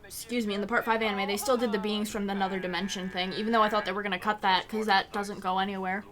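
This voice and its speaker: A woman chatting quickly on a group commentary, asking curious questions. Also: medium pitch, level tone, a bit bright. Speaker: commentary guest. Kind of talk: commentary chat.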